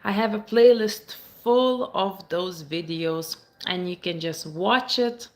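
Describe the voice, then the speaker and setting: Lower-voiced woman streaming live. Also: slow. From Baltic states. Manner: chatty, reads viewer comments aloud and answers them. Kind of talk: casual live-stream chat. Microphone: phone.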